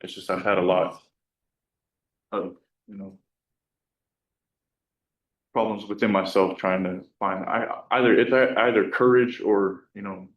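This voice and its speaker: A man answering as a defendant in court, hesitant and soft-spoken, with many restarts. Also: sits low, steady tone, unhurried, pauses often, muffled recording. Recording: echoey courtroom, voice far from the mic.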